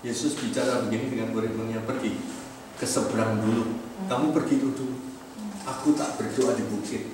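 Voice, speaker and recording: A man preaching, lively, drawing answers from the crowd. He sounds far from the microphone. The big hall echoes heavily, with steady noise behind him. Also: medium pitch, brisk. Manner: lively, asks the audience questions often. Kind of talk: sermon.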